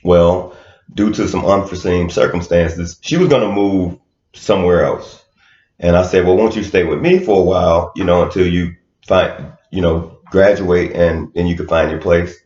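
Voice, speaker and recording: A man's voice: low voice, normal speed, a little mellow. A man co-hosting a podcast in casual chat, laid-back and hesitant with many fillers. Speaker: podcast co-host. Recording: roomy, dull lo-fi sound.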